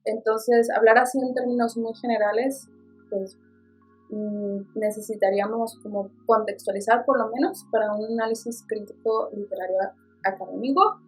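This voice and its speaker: A book vlogger with a Mexican accent and a slightly high, steady voice talks at normal speed about what she's been reading, casual and expressive with playful asides. Faint music plays behind her.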